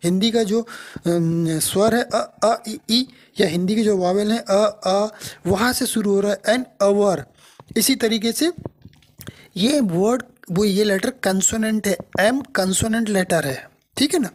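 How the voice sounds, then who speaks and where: Male grammar teacher; slow, patient delivery, husky tone, repeats and checks understanding. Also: sits high. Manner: repeats each point, restating terms in two languages; unhurried, with frequent checking questions. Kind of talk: explanatory grammar lesson.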